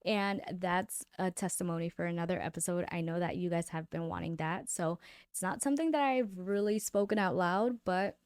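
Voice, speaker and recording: A young woman from Honduras hosting her faith podcast, chatting directly and warmly with her listeners. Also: lowish voice, moderate pace, no room sound, clean studio sound. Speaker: podcast host. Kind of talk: casual faith podcast monologue.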